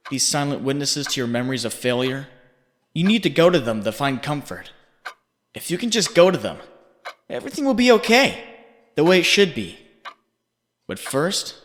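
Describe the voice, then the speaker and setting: A man voices a haunting inner voice, narrating in the second person with a deliberate, accusing and dramatic delivery. His mid-range voice is a bit bright, and the recording carries long reverb and faint background noise.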